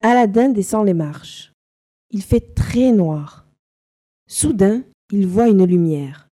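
Woman narrator, slow careful storybook reading, mellow tone. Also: mid-range voice, expressive. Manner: slow, simple, carefully articulated.

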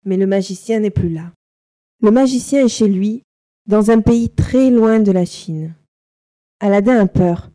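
A woman narrating a simple storybook slowly and carefully for learners. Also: medium pitch, mellow. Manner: slow, simple, carefully articulated.

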